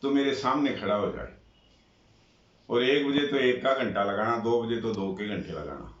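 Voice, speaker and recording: A man's voice: lowish voice, expressive, moderate pace. A man voicing a stern king who gives blunt orders, recorded in a roomy, dull lo-fi way. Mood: commanding.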